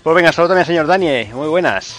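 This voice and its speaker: A man's voice: on the high side, racing, fairly bright tone. A man with an accent from Spain hosting a podcast in casual conversation. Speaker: podcast host. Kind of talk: casual podcast introductions and chat. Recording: music behind the talk.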